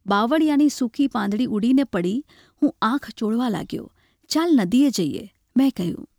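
A woman reading a literary short story aloud in a measured, expressive way. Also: a little high, no room sound, clean studio sound. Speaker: narrator.

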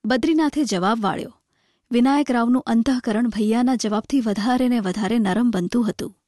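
A woman narrating a story aloud in a measured, expressive reading. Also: a little high, no room sound, clean studio sound.

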